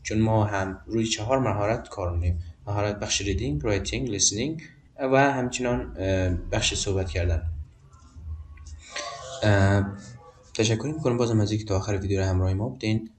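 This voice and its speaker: A man with an Afghan Dari accent explains basic English grammar in a patient, repetitive way, stopping often on hesitations. His voice sits fairly low, picked up from a distance in a room with a noticeable echo. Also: slight background noise. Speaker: English teacher. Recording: roomy echo, distant mic.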